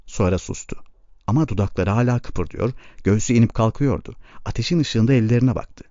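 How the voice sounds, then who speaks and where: A man narrating an audiobook in a steady, measured storytelling manner. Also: lowish voice, dry recording, muffled recording.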